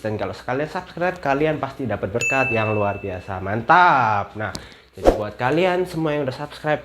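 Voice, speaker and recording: A young man giving a casual video lesson, chatty and friendly in tone, repeating each letter slowly to drill it. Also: mid-range voice, very noisy. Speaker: language teacher.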